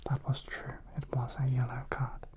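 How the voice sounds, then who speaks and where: Low whispered role-play from a woman. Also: monotone, darkish tone. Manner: slow, soothing guidance in a close whisper. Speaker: ASMR host playing a clinician.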